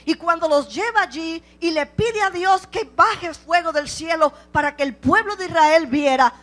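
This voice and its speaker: Very high-pitched, bright-voiced woman preaching. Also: moderate pace. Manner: impassioned, drives points home with repeated rhetorical questions. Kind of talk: sermon.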